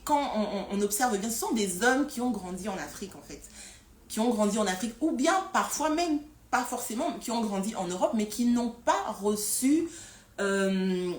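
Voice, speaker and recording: A woman talks casually to her live stream audience, stumbling over repeated words and fillers as she thinks aloud. Her voice sits at an ordinary middle pitch. The sound is roomy and echoey, with a faint hiss underneath. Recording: roomy echo with faint noise.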